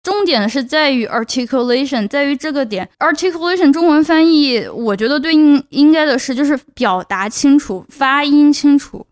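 A young woman from Chongqing, China, hosting a casual solo podcast in a fairly high voice. She talks earnestly and gives advice. She drives points home by repeating words. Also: expressive, normal speed, hardly any pauses. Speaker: podcast host.

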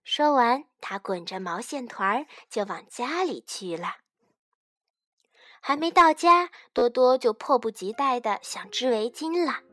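A woman teacher reading a bedtime story to children in a gentle, expressive way. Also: fairly high pitch, moderate pace, few pauses, no echo, studio quality.

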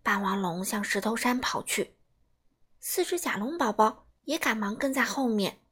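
A woman's voice: fairly high pitch, normal speed, husky. A woman reading a children's picture book aloud as storyteller, acting out the animals. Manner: animated, acts out each animal.

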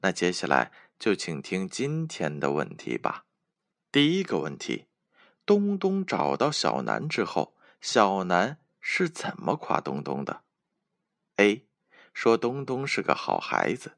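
Male children's storyteller, lowish voice, very expressive, unhurried. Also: vocal fry, dry recording, studio quality. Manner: gentle, slow, sing-song questions to children. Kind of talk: bedtime story reading for children.

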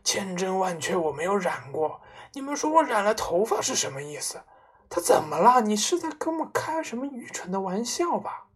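A woman voicing a pompous, boastful middle-aged male car dealer who blusters and shouts indignantly. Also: low-pitched, normal speed, slight background noise, natural voice. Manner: bragging, then indignant shouting.

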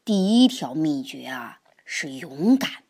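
A woman voicing a wise old male grandpa toad in a children's storybook, speaking slowly. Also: sing-song, a little mellow, slightly rough, exaggerated voice. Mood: calm. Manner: slow, low, drawn-out speech.

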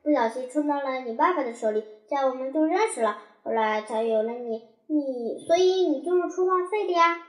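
A doting storybook mother, read by a woman speaks fondly and emotionally in a high, bright voice. The reading carries a roomy echo. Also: animated, brisk, few pauses. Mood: teasing. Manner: fond, then anxious and choked. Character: warm, doting young mother.

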